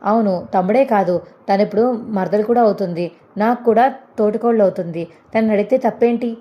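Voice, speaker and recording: A woman's voice: medium pitch, fast talker, highs cut off, close to an everyday voice. A woman voicing a defiant young wife who stands her ground against her mother-in-law.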